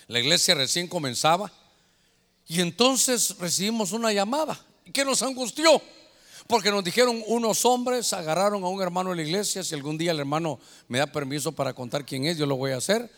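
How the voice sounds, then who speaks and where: A man, a pastor preaching a sermon, telling a story and acting out the voices and shouts of others. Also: high-pitched, lively intonation, a little fast. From Guatemala. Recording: echoey hall reverb.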